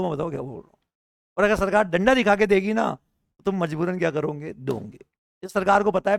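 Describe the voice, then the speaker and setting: A man's voice: high voice, creaky, no echo, clean studio sound. A man with a sore throat, lecturing a class on tax and firing rhetorical questions at the students in a joking, argumentative way. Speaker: tax teacher at a coaching class.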